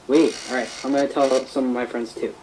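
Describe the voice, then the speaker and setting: A man's voice: medium pitch, fairly even intonation, fairly quick, darkish tone, a little hiss or hum, rough recording. A teenage boy co-hosting a live stream in casual chat, often repeating himself and trailing off.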